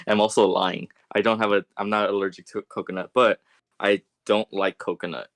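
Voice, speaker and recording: A man co-hosting a casual podcast, relaxed and quick to laugh. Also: fairly low pitch. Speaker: podcast co-host. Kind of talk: casual chat.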